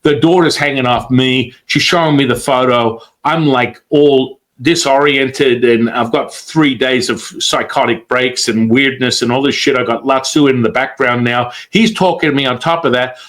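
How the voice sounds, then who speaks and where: A man of middle pitch tells a story as a guest in casual conversation. He is animated, acts out what others said and swears freely. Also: normal speed, hardly any pauses.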